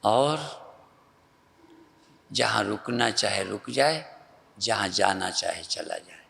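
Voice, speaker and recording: A male spiritual teacher from North India giving a slow, repetitive meditative discourse that guides the listener's mind. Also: fairly low pitch, lively intonation, vocal fry, fairly bright tone, big-room sound, a little hiss or hum. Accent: Hindi, North Indian.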